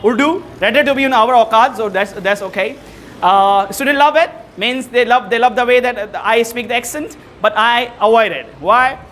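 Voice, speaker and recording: High, bright-voiced male teacher. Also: slight background noise. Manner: lively, rhetorical questions to students, switches between languages. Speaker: English teacher. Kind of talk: classroom lecture mixing Hindi-Urdu and English.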